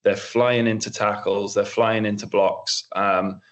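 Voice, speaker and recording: Man, young, low voice, casual podcast chat, many ums and restarts. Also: flat delivery, measured pace, a bit bright. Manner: rambling, filler-heavy, many restarts. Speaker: co-host.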